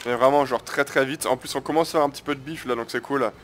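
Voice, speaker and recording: A man's voice: medium pitch, steady tone, quick pace, a bit bright. Man giving crude, chatty gameplay commentary. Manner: chatty, crude slang, keeps addressing viewers as guys. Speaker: gaming video host. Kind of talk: casual live gameplay commentary.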